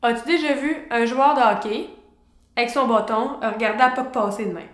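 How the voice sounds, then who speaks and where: A woman counsellor with a Québécois French accent explains ideas to a group of men in a frank, informal way, speaking to them directly and calling them "the guys". Her voice sits a little high. It rings with the echo of a bare room. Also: moderate pace. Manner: direct, informal, addresses listeners as "les gars". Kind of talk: educational talk to a men's group.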